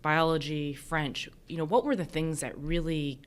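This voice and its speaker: In a deep voice at normal speed, a US-based woman who grew up speaking Mandarin Chinese reflects on her work as an emergency physician during an interview. She explains carefully and softens points with phrases like "kind of" and "you know."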